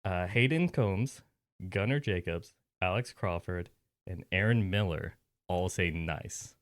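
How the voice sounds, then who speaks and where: Male game master, low voice, rambling narration, dry recording. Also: takes it slowly, no echo. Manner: rambling, many uh fillers and restarts.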